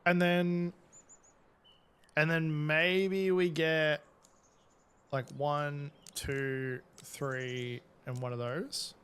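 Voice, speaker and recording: A man's voice: on the high side, level tone, very slow, pauses often, a bit bright, clear, resonant tone. A man giving casual playthrough commentary and reading game text aloud as he goes. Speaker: gaming video host.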